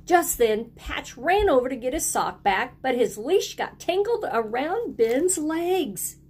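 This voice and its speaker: With a high-pitched voice full of big pitch swings, a woman reads a children's picture book aloud as a teacher would. She uses simple, deliberate phrasing and invites the young listeners to join in, prompting them to repeat words.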